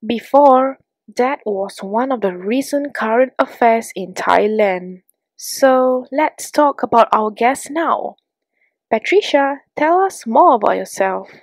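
Woman podcast host, bit high voice, reads slow and careful, dry close sound. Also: animated, no room sound, poor audio. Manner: slow, deliberate reading. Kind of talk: scripted podcast intro.

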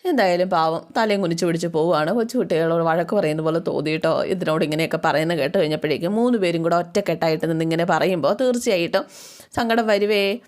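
A woman's voice: fairly low pitch, quick pace. A woman casually retelling a serial's plot, chatty, with asides to listeners. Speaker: storyteller recapping a serial. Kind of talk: casual storytelling recap.

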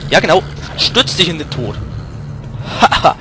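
A young man hosting a let's play, talking in slangy commentary that drops to mumbles and bursts into loud shouts during fights. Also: a little high, sing-song, normal speed, noisy background.

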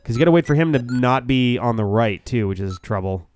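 A man's voice: medium pitch, expressive, fairly quick, darkish tone. A man giving casual, crude commentary while coaching a friend through a retro handheld game. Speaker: let's play co-host. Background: faint game music and beeps.

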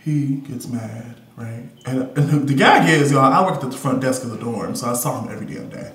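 At a medium pitch, a bit bright and a little fast, a young American man from Detroit performs candid personal stories live, slangy, sassy, and playful. The sound is a roomy live gallery recording.

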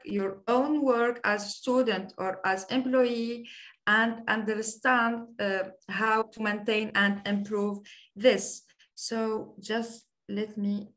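A woman's voice: fairly high pitch, fairly bright tone. A Tunisian woman in her forties, a business lecturer with a French-influenced English accent, giving an online lecture over a video call with many hesitant fillers.

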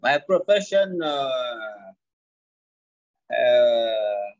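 A man in his forties from Chad, a native French speaker, answering slowly and hesitantly in English with stammers and pauses. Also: medium pitch, big pitch swings, a little mellow, no echo. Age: 40s. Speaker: student. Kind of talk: halting English practice. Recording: dull lo-fi call audio.

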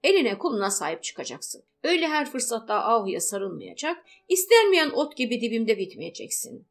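A woman's voice: fairly high pitch, sing-song, moderate pace, faint music behind. Woman reading a curt, commanding husband. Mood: cold. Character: commanding husband, adult man, cool and possessive.

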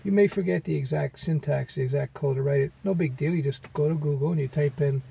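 A man teaching web development in a casual vlog, talking from a car into a phone, his voice weak and hoarse from laryngitis, rambling with many fillers. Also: on the high side, quick pace, mellow, a little hiss or hum, rough recording. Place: inside a parked car.

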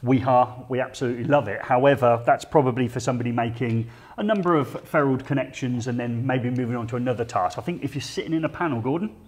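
A man's voice: medium pitch, fast, hardly any pauses, slightly rough. A middle-aged man co-hosting a tool review, joking and rambling in casual banter while working. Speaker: co-host of tool review channel.

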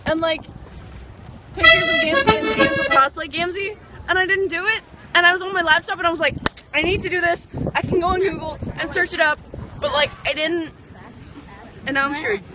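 A woman's voice: extremely high pitch, a little fast, music in the background. A teenage girl chatting and teasing friends outdoors at school. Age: teens. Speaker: student. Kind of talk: casual chat. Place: outdoors at school in South Texas. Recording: noisy outdoor crowd. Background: crowd and street noise.

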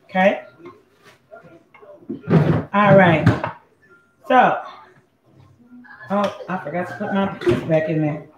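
A woman's voice: mid-range voice, slow, long pauses, muffled recording. A woman from Puerto Rico hosting a casual cooking demonstration at home, chatting while she cooks and chewing between sentences. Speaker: home cook host. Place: home kitchen. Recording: echoey kitchen with faint ambient noise.

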